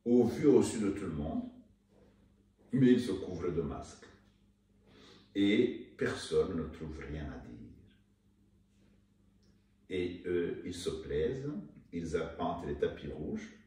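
Here the Rwandan author sounds animated and mellow, his deep voice still slow and hesitant as he repeats words mid-search. He's an older man and a guest in a conversational interview, sitting in an armchair in an indoor room. The far-off camera mic yields an echoey recording with a bit of noise.

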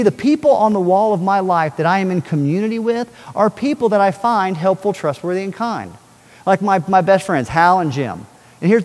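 A middle-aged man giving an energetic talk to an audience and often checking that they follow him. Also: high-pitched. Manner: animated, asks the audience questions often. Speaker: speaker on child safety. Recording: long hall reverb.

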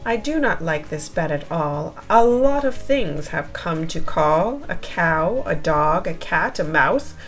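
Woman reading as a plaintive, animated, grumbling storybook man. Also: deep voice, slow, hardly any pauses, soft background music, rough recording. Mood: exasperated. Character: grumbling, put-upon storybook man in a too-small bed.

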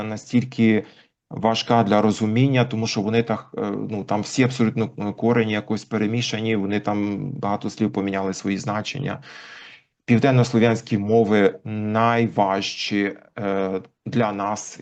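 Low-voiced man explaining thoughtfully, dull recording. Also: darkish tone. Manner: thoughtful, explains slowly with many pauses. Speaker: guest language historian. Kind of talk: conversational interview.

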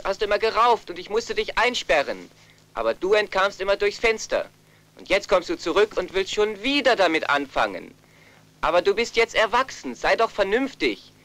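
A man's voice: high voice, bright, forceful tone, heavily acted. A man dubbing a middle-aged older brother, kind and meek, fussing, often laughing and pleading. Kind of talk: German film dub.

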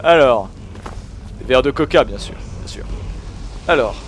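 A man giving excitable gameplay commentary, swearing and shouting at the game as he plays. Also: medium pitch, a little slow, a little hiss or hum. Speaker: gaming video host.

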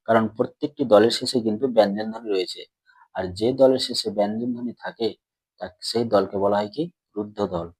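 A man's voice: mid-range voice, a little mellow, no room sound. Patient male teacher, dry close sound. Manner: patient, repeats questions and answers them himself; stretches out words slowly when splitting syllables. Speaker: Bengali grammar teacher. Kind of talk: classroom lesson explanation.

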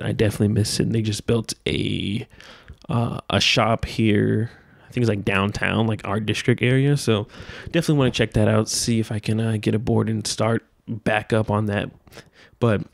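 Laid-back young man with a gravelly voice. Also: fairly low pitch, dry recording. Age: 20s. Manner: laid-back, loose and meandering, frequent filler words and swearing. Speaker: podcast host. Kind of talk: casual solo rambling podcast. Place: small room at home, seated by a door. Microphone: handheld dynamic mic, wearing headphones.

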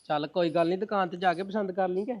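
Reassuring grown son played by a man, quick, high, gentle. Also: fairly even intonation, no room sound, lightly acted. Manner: soothing, reassuring.

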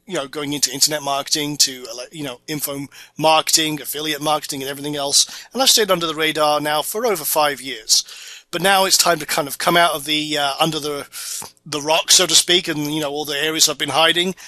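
A middle-aged man from Scotland's Orkney Islands narrates a slideshow video for an online marketing course in a very bright, sharp-edged voice pitched a little high. He sounds loose and salesy, with plenty of "uh" and "you know". The recording is dry and close, with no room sound.

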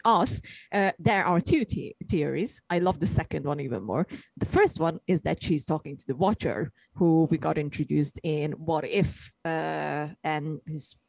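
A woman's voice: deep voice, a little slow, vocal fry, hardly any pauses, darkish tone, no room sound, low-quality recording. A woman co-hosting a film podcast, sharing fan theories with eager enthusiasm and a lot of "uh" fillers. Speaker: podcast co-host. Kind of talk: casual film chat.

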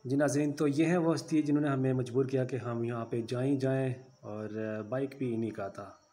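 A man's voice: mid-range voice, steady tone, brisk, warm tone, soft background music. A man giving a casual travel voice-over, chatty and full of route tips for viewers. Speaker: travel vlogger.

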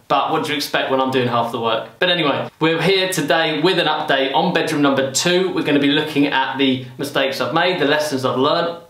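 A man's voice: a little high, a bit bright. A young British man giving a chatty, self-deprecating renovation update to camera in a half-finished room. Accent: British English. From United Kingdom. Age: young adult. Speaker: property renovation vlogger. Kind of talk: casual DIY update to camera. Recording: roomy echo of a bare room.

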